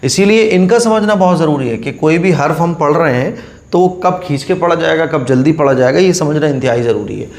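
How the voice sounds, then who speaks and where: A man's voice: on the high side, expressive, a little mellow. Patient man teaching in an echoey room. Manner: patient, repeats the rule, drills each letter slowly. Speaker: Quran reading teacher. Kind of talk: step-by-step reading lesson.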